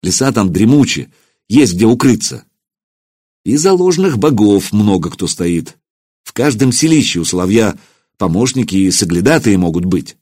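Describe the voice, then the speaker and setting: A man voicing a shrewd older boyar counselor who speaks in a measured, reasoning way. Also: fairly low pitch, lively intonation, darkish tone, slightly rough, no echo, clean studio sound.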